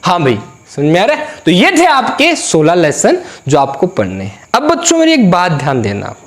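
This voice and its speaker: A male science teacher talking to his pupils, with a voice that rises and falls a lot. he drills each term by saying it slowly over and over, and keeps stopping to check that the class is following. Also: high-pitched, huge pitch swings. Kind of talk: classroom-style video lesson.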